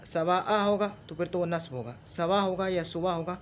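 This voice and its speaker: A man teaching Arabic grammar in a lesson, slowly repeating example phrases and often checking that the listener follows. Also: high-pitched, fairly bright tone, slight background noise. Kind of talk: explanatory lesson.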